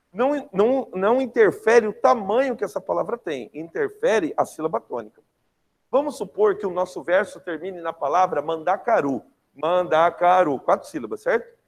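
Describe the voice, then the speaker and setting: A young adult man with a Brazilian Portuguese accent teaches an online class in a lively, slangy style, often checking in with his students. His voice is high-pitched.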